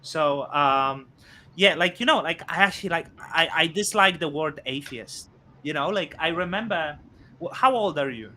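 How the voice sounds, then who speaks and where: A man in his thirties hosting a casual crypto chat, halting with many fillers and restarts. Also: on the high side, lively intonation, pushed and bright. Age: 30s. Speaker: host.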